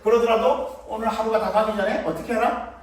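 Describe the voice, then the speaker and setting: Brief: high, lively male kids' preacher, fast and playful, boomy distant church-hall sound. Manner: playful, acts out little scenes. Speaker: children's preacher. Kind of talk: children's sermon. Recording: echoey room, mic far off.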